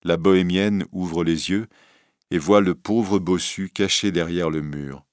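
A man narrating a storybook reading in a calm, measured way. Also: low-pitched, dry recording, studio quality.

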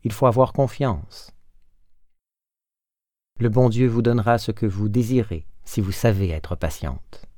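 A man voicing a gentle old priest from a storybook, speaking in a soft, moved and reassuring way. The voice sits low and mellow, and it is recorded close and dry. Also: measured pace, pauses often, no echo, natural voice. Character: kindly elderly male priest, gentle.

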